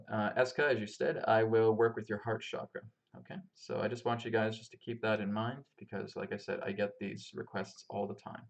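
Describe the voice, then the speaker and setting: A man's voice: lowish voice, vocal fry, poor audio. A man giving an informal spiritual teaching talk to his listeners, emphatic and repetitive, often checking in with them. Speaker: spiritual teacher and healer hosting a live Q&A.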